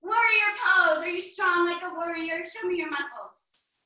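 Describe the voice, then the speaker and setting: Bright, high-voiced woman leading kids' yoga. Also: a little slow. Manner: upbeat, encouraging, sing-song cues. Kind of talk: guiding a children's yoga class. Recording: echoey room, voice from far off.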